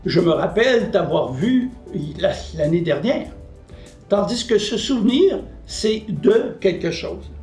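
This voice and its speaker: A man's voice: high-pitched, darkish tone, roomy sound. A man giving a short lesson on correct word usage, explaining with examples and answering his own questions. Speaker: French language columnist.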